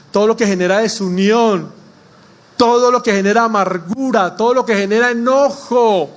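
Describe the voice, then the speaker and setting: A male pastor delivering a Sunday sermon with a notably high voice. He keeps putting direct questions to the congregation and leans on homely stories and light humor to make his point. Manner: preaching with rhetorical questions to the congregation; folksy, anecdotal delivery with humor.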